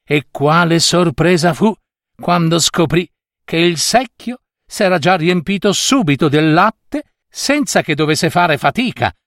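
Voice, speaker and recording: A man narrates a fairy tale with an expressive, animated storytelling cadence. His pitch moves widely through each phrase. The recording is close and completely dry. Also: unhurried, no room sound.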